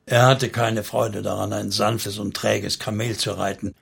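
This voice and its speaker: A man narrating an audiobook in a calm, steady way. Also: lowish voice, a little slow, vocal fry, breathy edge. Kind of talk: audiobook reading.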